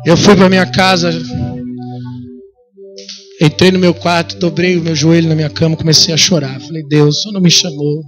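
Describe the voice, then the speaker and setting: A man's voice: a little high, fairly even intonation, brisk, long pauses, faint music behind. A man preaching a sermon, telling his own story with emotion and calling the listeners brother. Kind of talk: sermon with personal testimony.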